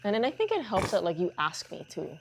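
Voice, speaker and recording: A woman co-hosting a relaxed talk show with her partner, chiming in with short agreeable remarks. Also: mid-range voice, quick pace, creaky, slight background noise. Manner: brief, agreeable interjections. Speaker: co-host of a couple's talk show. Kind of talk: casual chat.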